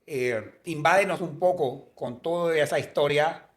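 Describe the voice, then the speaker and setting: A man co-hosting a podcast, interviewing a guest in an effusive, drawn-out way. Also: on the high side, a crowd in the background. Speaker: podcast co-host.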